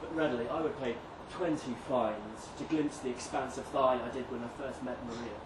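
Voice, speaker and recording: A man reads a comic historical monologue live in a venue, speaking theatrically at medium pitch and a fairly quick pace, with emphatic swells and hushed drops for drama. The room is echoey, the mic distant, and the ambience noisy.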